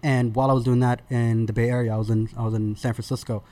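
Telling stories as a guest on a podcast, this Sudan-born man in his thirties speaks at an ordinary male pitch. He's loose and easygoing, often pausing on fillers and beginning sentences again.

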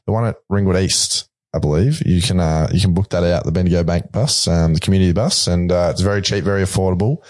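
A man's voice: sits low, fast, few pauses, darkish tone. An Australian man hosting a podcast in casual, rambling talk that often hesitates. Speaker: podcast host. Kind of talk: casual chat.

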